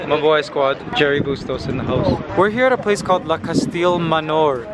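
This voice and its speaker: A man in his thirties hosting a casual family vlog, excitable and playful, filming himself at arm's length at home and in a restaurant. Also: fairly high pitch, very noisy. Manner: excitable, playful, quick asides. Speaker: vlogger host. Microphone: handheld camera at arm's length.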